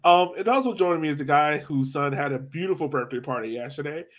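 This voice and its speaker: A podcast host with a highish voice talks fast on a casual sports show, bantering playfully with his guests and calling them "sir."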